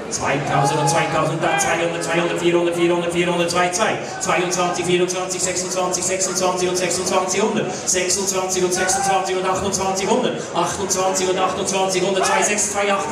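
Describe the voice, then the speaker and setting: A man working as a cattle auctioneer, chanting bids insistently in repeated numbers, heard from the audience of a large hall. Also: high-pitched. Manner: insistent, repetitive bid calling. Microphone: distant camera picking up PA. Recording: echoey hall PA, far off, crowd noise.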